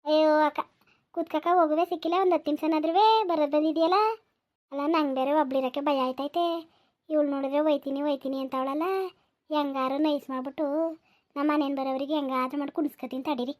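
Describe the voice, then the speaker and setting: A woman's voice: high voice, level tone, fast talker, close to an everyday voice. A woman voicing a chatty, coaxing village neighbour with a rural Mysore-Mandya Kannada accent. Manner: coaxing, calls out loudly. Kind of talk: cartoon voice acting.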